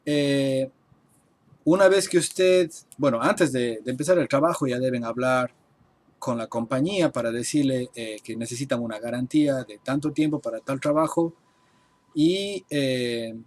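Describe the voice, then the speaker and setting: Man teaching slowly at his computer. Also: medium pitch. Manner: explains slowly, repeating and translating terms step by step. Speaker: architect teaching construction English. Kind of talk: live-streamed online class. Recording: faint noise and keyboard typing. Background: keyboard typing.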